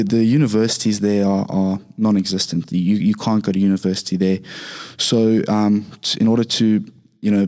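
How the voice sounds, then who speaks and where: A young man from Zimbabwe with a Zimbabwean accent, chatting relaxed as a podcast guest, with many fillers and restarts. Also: on the low side. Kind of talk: casual interview talk.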